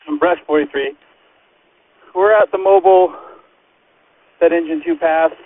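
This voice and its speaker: A man's voice: fairly high pitch, fairly even intonation, measured pace, no room sound. A man working as a firefighter, making brief fireground radio calls. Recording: tinny radio channel with static.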